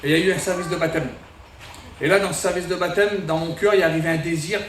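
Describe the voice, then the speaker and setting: A man's voice: a little high, fairly even intonation, fast talker, a bit bright, a little hiss or hum. A man giving his testimony in church, telling his story and quoting himself and others as he goes. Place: large tent meeting. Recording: echoey tent, mic from a distance.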